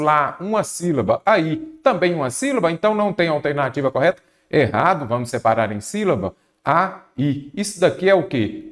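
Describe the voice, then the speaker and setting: Man, brazilian portuguese accent, grammar teacher, slightly high voice, stretches key words, quizzes himself. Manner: asks rhetorical questions and answers them himself. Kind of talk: exam-prep grammar lesson.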